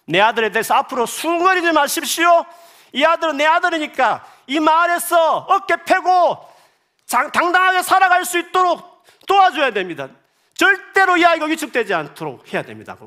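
A man's voice: very high voice, very animated, normal speed, sharp tone, pitched above the performer's own voice, full character voice. A man voicing an elderly father who welcomes his lost son home, speaking with emphatic, pleading repetition.

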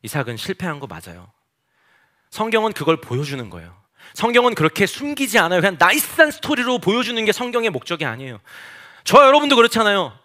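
Male pastor, sermon, animated storytelling, high, very lively pitch. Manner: animated storytelling, acts out quotes.

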